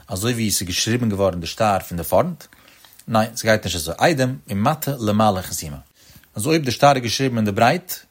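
A man's voice: on the low side, breathy edge. Man lecturing in a lilting sing-song. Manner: addresses listeners directly as friends. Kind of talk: explanatory religious lecture.

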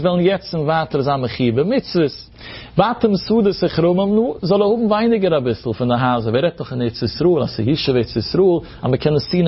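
A man's voice: fairly high pitch, husky, dull audio. A man teaching a Talmud lesson in a sing-song explanatory cadence, mixing in Hebrew terms. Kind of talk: Talmud study lecture.

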